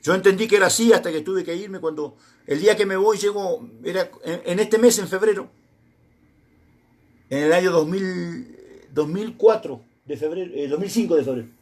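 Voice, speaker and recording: A middle-aged Argentine man preaches in a strikingly high voice for a man. He tells a personal testimony as a sermon and acts out the conversations in it, voicing each side in turn. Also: moderate pace, a little mellow. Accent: Argentine Spanish. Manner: storytelling, acting out both sides of dialogues.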